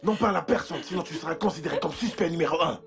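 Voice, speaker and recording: An actor dubbing an anxious husband, talking urgently and repeating himself in a dubbed film. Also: male voice, on the high side, rapid-fire, vocal fry, music in the background. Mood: insistent.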